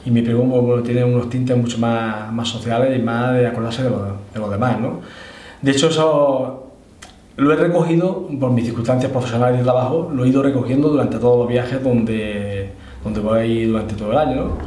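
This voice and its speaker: A man's voice: mid-range voice, brisk, mellow. A middle-aged man with an Andalusian accent telling his story conversationally in a casual interview. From Spain, Andalusia. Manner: conversational, often adds tag questions. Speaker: interviewee, Holy Week proclamation orator. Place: indoors, room with display cabinets. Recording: echoey, slightly distant, faint noise.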